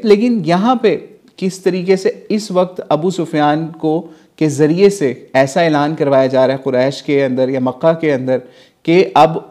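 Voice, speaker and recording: This man from Pakistan, whose voice is fairly high and a little mellow, teaches Islamic history as a religious instructor. He tells the events as a narrative, answers his own questions, and blends in English vocabulary.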